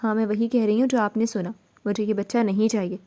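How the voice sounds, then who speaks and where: Woman voicing a distraught young wife, pleading, insistent, warm low tone. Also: steady tone, close to an everyday voice.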